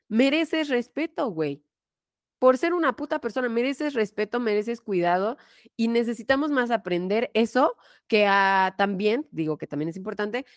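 A woman's voice: mid-range voice, dry recording, studio quality. Blunt Mexican woman podcast host. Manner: emphatic and blunt, swears freely. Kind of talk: casual chat.

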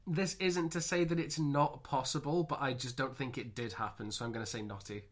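A man with an ordinary voice chats casually on a podcast. He talks in a measured way, working through his thoughts aloud. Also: medium pitch, fairly even intonation. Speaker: podcast co-host. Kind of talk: casual chat.

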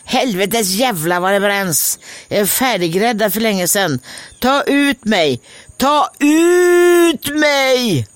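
A woman voicing a loaf of bread burning in an oven, swearing and yelling in a shrill voice. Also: expressive, no room sound, close to an everyday voice. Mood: frantic. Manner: shrill, swearing, shouting to be taken out.

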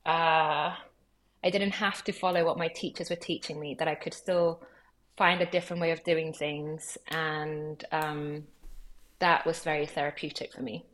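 A woman in her thirties, born in Peru and raised in Los Angeles and London, talking as a guest in a relaxed interview, chatty with lots of fillers and easy laughs. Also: low voice, normal speed. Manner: chatty, many fillers and likes, laughs easily. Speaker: guest curator.

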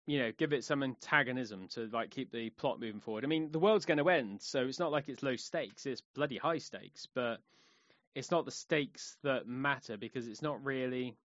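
A man's voice: medium pitch, normal speed, fairly bright tone, no echo. A man hosting a solo podcast, rambling along with many fillers and restarts. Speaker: podcast host. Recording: dry, dull lo-fi home recording.

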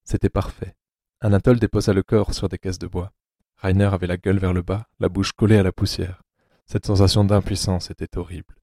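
A male narrator with a very low, dark and mellow voice reads an audiobook drama in a measured, sombre way. The sound is close and dry, with no room around it. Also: flat delivery, no room sound.

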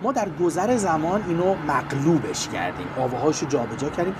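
Male linguist, lecturing tone, fairly high, animated intonation. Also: noisy background. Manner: explanatory, lecturing with examples. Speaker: linguist explaining Tehrani speech. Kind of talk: documentary interview.

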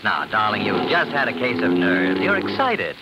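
An actor playing an impatient, domineering lover in a 1940s radio thriller, brusque and commanding. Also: male voice, lowish voice, lively intonation, moderate pace, lo-fi sound, over loud music, lightly acted. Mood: impatient, reassuring. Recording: very noisy old radio drama recording.

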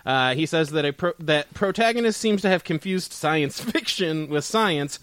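A man's voice: on the high side, lively intonation, normal speed, fairly bright tone, no echo. A man co-hosting a podcast, chatting casually with jokes and plenty of swearing. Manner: joking, profane, rambling. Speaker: podcast co-host. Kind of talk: casual comedic chat.

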